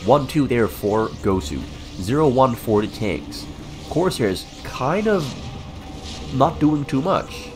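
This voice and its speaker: A male esports caster gives live game commentary in short, clipped calls. His medium-pitched voice swings widely up and down and sounds congested with flu. Music plays clearly behind him. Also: big pitch swings, takes it slowly. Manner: play-by-play in short clipped phrases. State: sick with flu, stuffy nose.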